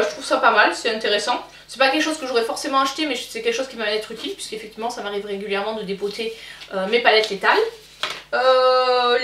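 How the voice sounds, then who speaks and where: A woman's voice: a little high, a bit bright, echoey room, recorded from a distance. A woman casually chatting through a makeup haul, hesitant and full of fillers. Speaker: beauty vlogger.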